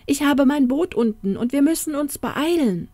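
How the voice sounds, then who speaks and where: A woman voicing a frightened young cottager wife who cries out and pleads in a high, loud voice. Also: very animated, normal speed, no echo. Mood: panicked.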